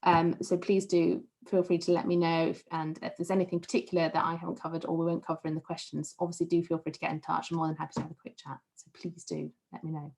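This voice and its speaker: A woman on an online panel, explaining employment and tax rules in a clear, measured, professional way. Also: low-pitched, flat delivery, darkish tone.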